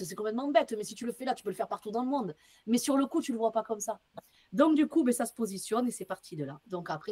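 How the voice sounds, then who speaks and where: A woman medium, interviewed as a guest, telling stories in a casual, lively way, acting out bits of dialogue and using casual slang. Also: mid-range voice. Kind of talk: casual storytelling.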